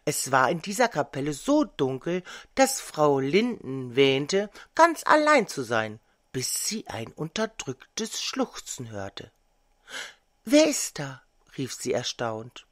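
An older woman narrating a fairy tale audiobook in a measured, expressive way. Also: low voice, dry recording, clean studio sound. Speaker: storyteller.

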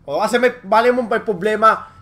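A Filipino man casting a mobile esports final, mixing Tagalog and English and bursting into shouts at big plays. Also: sits high, brisk. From Philippines. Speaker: esports caster. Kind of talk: excited play-by-play commentary.

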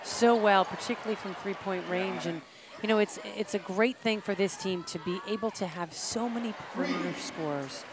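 A woman's voice: mid-range voice, moderate pace, background noise. A woman in her forties, a basketball analyst, giving emphatic commentary from a courtside desk into a headset mic. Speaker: studio analyst. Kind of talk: sports analysis.

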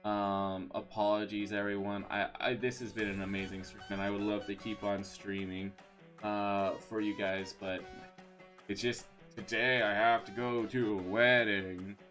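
A man's voice: fairly low pitch, flat delivery, measured pace, fairly bright tone, soft background music. A man streaming live, chatting casually and thanking viewers, rambling with many fillers and restarts.

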